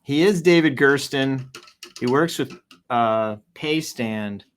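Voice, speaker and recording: Speaking slowly and smoothly in a mid-range voice, a man hosts a casual live show full of jokes, rambling playfully and theatrically. Nature sounds from a forest setting come through in the noisy recording.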